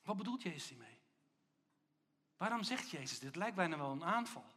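High-voiced man preaching with emphasis. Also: sing-song, fairly quick, bright, forceful tone, husky. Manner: emphatic, rhetorical questions. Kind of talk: sermon.

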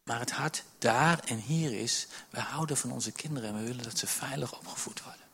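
A middle-aged man preaching a sermon in a church. He speaks emphatically, piles up repeated questions and drops to a hush to stress a point. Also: medium pitch, fairly quick, breathy edge. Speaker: pastor. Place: church service with listeners present.

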